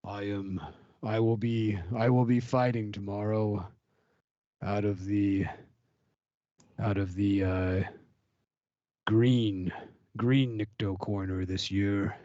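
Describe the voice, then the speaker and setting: A man voicing a grim, proud male arena fighter who speaks slowly and ominously. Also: on the low side, flat delivery, mellow, dry recording, voice pushed down. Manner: slow, ominous, halting. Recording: dull lo-fi audio.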